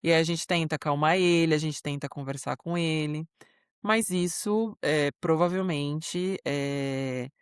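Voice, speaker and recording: A woman's voice: sits low, unhurried, clear, resonant tone, no room sound, clean studio sound. A Brazilian woman co-hosting a podcast, telling stories in a chatty, proud, easygoing way. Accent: Brazilian Portuguese. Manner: warm, proud storytelling, chatty with many fillers. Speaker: podcast co-host. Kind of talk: casual chat between friends.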